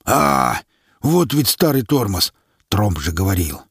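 A man voicing a gruff, loud older army captain who barks his orders. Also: low voice, very animated, slow pace, dry recording, studio quality, full character voice. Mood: gruff coaxing. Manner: barking, bellowing.

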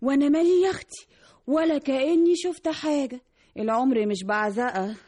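An actress playing a frightened young Egyptian hairdresser in a radio drama, pleading and anxious. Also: female voice, high-pitched, brisk, warm tone, close to an everyday voice. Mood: worried. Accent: Egyptian Arabic.

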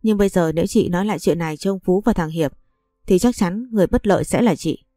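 A woman's voice: on the low side, quick pace, mellow, no room sound, clean studio sound, soft background music, lightly acted. A woman voicing a cold, scheming middle-aged mother-in-law who talks in a curt, dismissive way.

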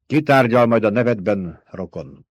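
Brief: man reading a defeated old emperor, bitter and snarling, voice lifts higher. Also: lively intonation, no echo, studio quality. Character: proud older male emperor, bitter and defeated. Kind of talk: audiobook reading.

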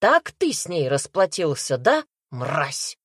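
A woman's voice: low-pitched, sing-song, slow pace, husky, no room sound, clean studio sound, exaggerated voice. A woman reading an audiobook, voicing a male detective who interrogates a suspect in a harsh, barking manner. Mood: furious. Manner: harsh, barking, pressing questions. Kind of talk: audiobook character voice.

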